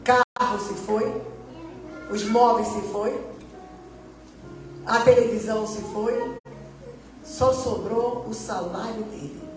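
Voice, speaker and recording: Woman missionary preacher, high voice, animated storyteller, miked from a distance in a booming church hall with soft music. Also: takes it slowly, pauses often. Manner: storytelling, acting out quoted dialogue. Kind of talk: testimony sermon.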